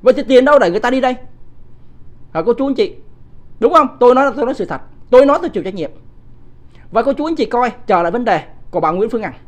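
Rapid-fire yet prone to long pauses, this man in his 50s has a very high voice with lively intonation as he hosts his political livestream unscripted. He hurls rhetorical questions at the audience and bluntly, coarsely scolds commenters in a combative way.

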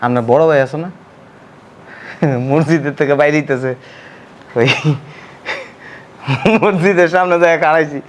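An actor playing a lazy, jobless son-in-law who answers meekly. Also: male voice, a little high, moderate pace, long pauses, slight background noise, natural voice. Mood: boasting.

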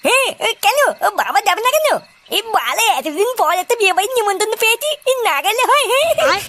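A woman's voice: very high-pitched, big pitch swings, a little fast, fairly bright tone, slight background noise, heavily acted. A woman voicing a cheeky, swearing young boy in a cartoon, with a brash and whiny manner. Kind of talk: cartoon voice acting.

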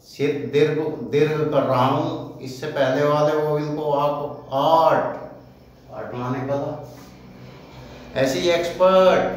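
एक पुरुष शिक्षक हिंदी में अंग्रेज़ी उच्चारण के नियम समझाता है, शब्दों को अक्षर-अक्षर करके सावधानी से बोलता है।. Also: male voice, medium pitch. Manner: slow, careful, spells words out letter by letter. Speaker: English pronunciation teacher. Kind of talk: Hindi-medium pronunciation lesson. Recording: echoey room from a distant mic with faint background noise.

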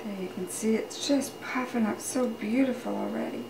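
A middle-aged home cook talks with a fairly high, creaky voice, keeping a steady tone and moderate pace. She hosts a casual show in her kitchen, chatting her way through a recipe step by step. The sound, from a camera mic a few metres away, is roomy and distant, with loud clattering.

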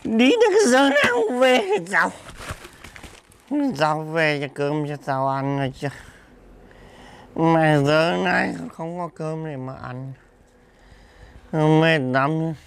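A man's voice: fairly high pitch, lively intonation, slow pace, pauses often, slight background noise. An actor playing a drunk, belligerent husband locked out of his house, slurring and mumbling. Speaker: comic skit actor. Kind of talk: amateur comedy skit acting.

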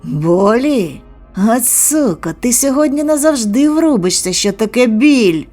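A woman's voice: lowish voice, fairly even intonation, a little fast, a little mellow, soft background music, natural voice. A woman voicing a violent male thug partner with a harsh, mocking way of talking.

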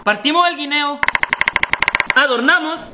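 A man doing comic sketches, jumping between silly voices with shouts and laughs. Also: very high-pitched, measured pace, heavy background noise. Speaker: comedy sketch creator. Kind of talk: comic sketches playing many characters. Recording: background music under the voice.

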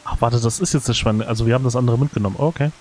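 A man's voice: mid-range voice, very fast, a little mellow, a little hiss or hum. A man casually commenting on his gameplay, muttering puzzled remarks to himself. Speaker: let's play streamer.

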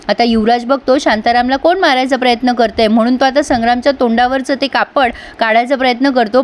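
Woman with a high voice doing a lively episode recap, talks right to her viewers, chatty and quick to react. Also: slight background noise. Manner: lively retelling, addresses viewers directly. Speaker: serial recap reviewer. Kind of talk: casual spoken episode recap.

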